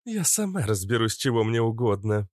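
Haughty young nymph woman, voiced by a male narrator; high, imperious, mocking. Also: sing-song, normal speed, darkish tone, no room sound, clean studio sound. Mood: scornful.

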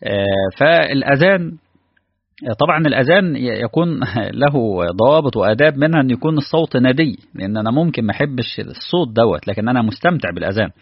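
A man with an Egyptian accent preaching a sermon, animated and asking his listeners rhetorical questions. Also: mid-range voice, fast talker, breathy edge, dry recording. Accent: Egyptian Arabic. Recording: dull, lo-fi dry recording.

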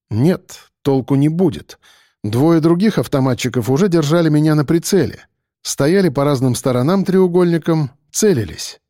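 A man narrates a first-person story with steady, tense delivery. His voice sits a little high. The recording is dry and close, with no room sound. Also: no room sound. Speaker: audiobook narrator.

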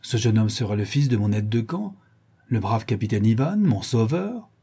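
A man's voice: on the low side, sing-song, moderate pace, mellow, husky, full character voice. A man voicing an aging count and governor who speaks with dry authority, in a read-aloud story. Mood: authoritative. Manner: dry, commanding, sly. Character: stern but kindly aging count, governor. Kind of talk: audiobook reading.

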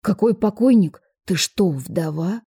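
Woman doing a smug young male TV presenter, lowered mellow voice, teasing, storybook, dry recording. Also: moderate pace, creaky, no room sound. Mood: cocky. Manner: smug, mocking.

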